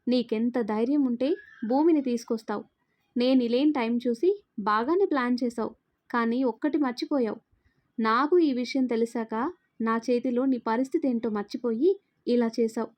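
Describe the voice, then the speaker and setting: A woman's voice: on the high side, normal speed, darkish tone, natural voice. A woman voicing an angry young man, a fierce protective hero in a spoken story, threatening and furious.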